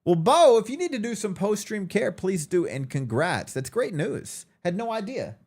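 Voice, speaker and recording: A man's voice: sits high, sing-song, moderate pace, a little mellow. A man hosting his live stream in a casual chatty way, greeting viewers by name in an upbeat tone. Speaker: streamer host.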